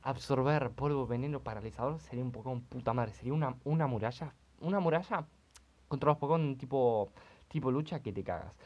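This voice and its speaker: A young man giving crude, excitable gaming commentary, swearing often. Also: mid-range voice, fairly quick, muffled recording. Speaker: let's play host.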